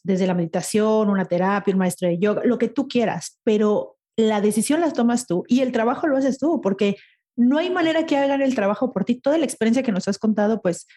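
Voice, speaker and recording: A woman's voice: mid-range voice, warm tone. A woman, a podcast host and therapist, talking in a reflective, affirming way with her guest. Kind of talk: casual interview talk.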